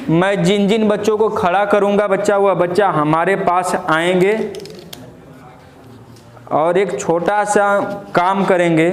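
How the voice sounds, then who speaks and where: A male teacher, quizzing pupils and hushing a noisy classroom. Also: sits high. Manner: quizzing pupils with call-and-response questions. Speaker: coaching teacher. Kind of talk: classroom lecture. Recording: echoey classroom with chattering kids.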